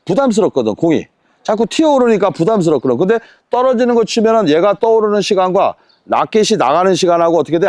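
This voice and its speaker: A man coaching a tennis lesson on court, counting drills and firing quick rhetorical questions at his student. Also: high-pitched, darkish tone, no room sound.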